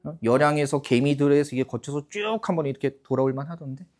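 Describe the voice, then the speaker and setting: A man's voice: fairly high pitch, quick pace. A man in his fifties lecturing a class of exam-takers, chatty, checking in with the room and acting out students' lines. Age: 50s. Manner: animated, acts out students in put-on voices.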